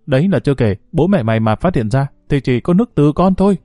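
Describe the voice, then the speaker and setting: A man voicing a blunt young village woman who scolds her friend in a quick, reproachful manner. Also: on the high side, expressive, dry recording, studio quality, faint music behind, close to an everyday voice. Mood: urging. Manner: sharp, rapid, reproachful.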